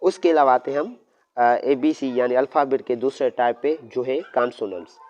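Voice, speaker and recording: A man's voice: medium pitch, normal speed, darkish tone. A man teaching a lesson with speech, explaining step by step and answering his own questions. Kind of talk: classroom lesson. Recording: dull lo-fi audio.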